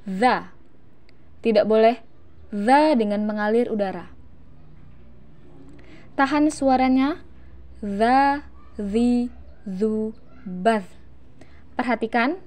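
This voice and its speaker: A young Indonesian woman explaining Quran recitation letter by letter and sounding out syllables slowly and drawn out as examples. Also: on the high side, a little mellow. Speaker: student presenting a Quran recitation lesson. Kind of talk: instructional explanation with slow demonstrations.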